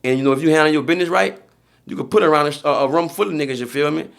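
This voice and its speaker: Gravelly New Orleans man telling a story. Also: on the high side, racing, fairly bright tone. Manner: streetwise slang, frequent "you feel me". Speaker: podcast guest. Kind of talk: casual storytelling.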